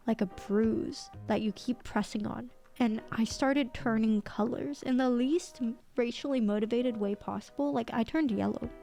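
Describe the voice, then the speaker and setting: A woman's voice: on the high side, dark tone. A young woman streaming live, chatting casually and teasing herself, with a slight lisp, a somewhat nasal voice, and a touch of sickness. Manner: chatty, self-teasing, rambling. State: a little sick. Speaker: VTuber streamer.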